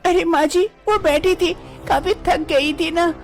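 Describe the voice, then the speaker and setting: A woman voicing a meek young daughter-in-law in a cartoon story, with a high, girlish, polite and pleading voice. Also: steady tone, measured pace. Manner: polite, pleading, cries out in labour.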